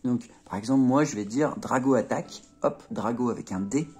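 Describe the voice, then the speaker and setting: A man's voice: mid-range voice, brisk, dark tone, breathy edge, soft background music. Casual guy doing a cube tutorial, keeps going "ok? d'accord?", lots of hop and tac while he turns stuff. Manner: chatty, checks in with "d'accord?", punctuates moves with "hop" and "tac".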